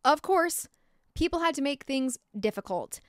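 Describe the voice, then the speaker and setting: Using a high-pitched, expressive voice at normal speed, a young American woman tells a scripted true-crime story and speaks her mind frankly in informal asides. She sits close to a desktop mic in a small log-walled room, and there's no room sound.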